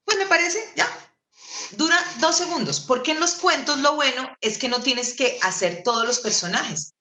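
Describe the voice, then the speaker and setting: A Colombian woman storyteller giving an animated, theatrical lecture over a video call. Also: high-pitched, normal speed. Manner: theatrical, playful, shifting into put-on voices. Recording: echoey room.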